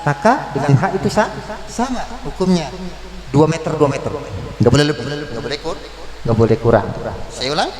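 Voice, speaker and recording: A man teaching Quran recitation rules in a mosque, breaking into slow chanted verses and quizzing his students. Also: a little high, lively intonation. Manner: quizzes the class. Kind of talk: tajwid lesson with chanted recitation. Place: large mosque hall. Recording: echoey mosque hall with crowd.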